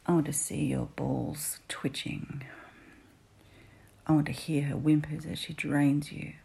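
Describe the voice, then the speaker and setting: A woman's voice: low voice, level tone, a little slow, gravelly, dark tone, slightly rough. A woman whispering an intimate adult roleplay close to the listener's ear, ASMR style. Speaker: audio roleplay performer.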